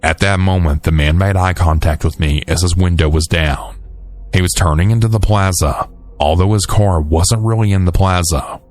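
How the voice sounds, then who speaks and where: A man with a very low, deep voice narrates a horror story in a calm and measured way. He reads a first-person account at a steady, even pace. Soft music plays faintly underneath.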